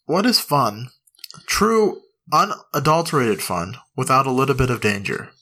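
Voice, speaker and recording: A man's voice: mid-range voice, big pitch swings, measured pace, bright, forceful tone, soft background music. A man hosting a comedic history podcast, mixing narration with playful, profane casual chat. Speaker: podcast host.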